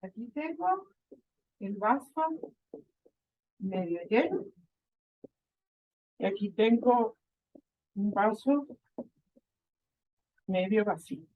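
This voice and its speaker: A woman with a Guatemalan accent giving a faith talk to a live group, lively and full of rhetorical questions to her listeners. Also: mid-range voice, very slow, pauses often, narrow, tinny audio. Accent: Guatemalan Spanish.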